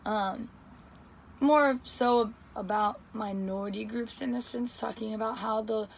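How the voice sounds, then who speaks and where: A young woman with a sore, scratchy throat giving a hesitant class oral report, with frequent ums and restarts. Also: on the high side. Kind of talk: class presentation.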